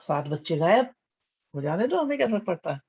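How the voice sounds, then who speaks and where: A man's voice: sits high, big pitch swings, a little fast, a little mellow, slightly rough, dull audio. A man teaching maths in a live online class. He calls students "beta," reads out their names, praises their answers and repeats his questions back to them.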